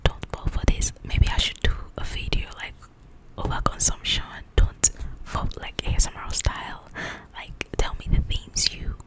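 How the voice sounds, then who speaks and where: Whispering softly and breathily without any voiced tone, a woman hosting an ASMR video chats casually and directly to viewers, meandering like a one-sided conversation. She speaks at normal speed on a rough recording.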